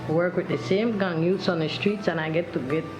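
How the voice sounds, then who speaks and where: A middle-aged woman with a low voice speaks earnestly in a testimonial. The sound is roomy, with clear music behind her. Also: normal speed. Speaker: project worker, welder.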